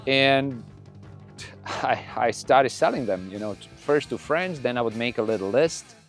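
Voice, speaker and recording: Give me a relaxed middle-aged man from Croatia, telling stories over faint music. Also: medium pitch, unhurried. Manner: relaxed, rambling, with frequent restarts. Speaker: podcast host and record label owner. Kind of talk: casual monologue. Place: room full of records.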